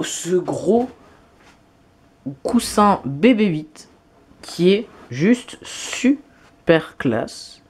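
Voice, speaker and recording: A YouTuber films an unboxing vlog at home, gushing over each item with frequent exclamations. His voice is a little high, slightly mellow, and husky.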